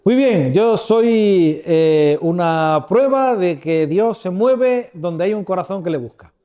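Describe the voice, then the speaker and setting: A man in his fifties from southern Spain gives an informal sermon into a microphone, relaxed and humorous, often turning to his listeners with questions. His voice sits fairly high yet sounds warm and mellow. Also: slow. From Andalusia, Spain. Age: 50s. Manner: chatty and humorous, asks the audience questions. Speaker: preacher leading a church workshop. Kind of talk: informal sermon to a live audience. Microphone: handheld or stand microphone.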